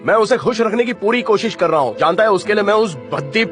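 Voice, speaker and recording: A man dubbing a stressed young father who shouts and scolds his daughter in a TV drama. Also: sits high, lively intonation, fast. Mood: worried. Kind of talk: Hindi TV drama dub. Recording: dubbed dialogue over music.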